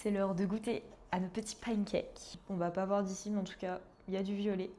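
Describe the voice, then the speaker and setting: Mellow-voiced young woman chatting in a vlog. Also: mid-range voice, flat delivery, fairly quick. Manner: informal, enthusiastic, slangy. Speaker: book and food vlogger. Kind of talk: casual chatty vlog to viewers.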